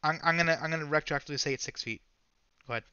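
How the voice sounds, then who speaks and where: A man running a tabletop game as game master, making brisk rulings on the fly. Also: fairly high pitch, pushed and bright, smooth, no echo. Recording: dry, slightly dull mic.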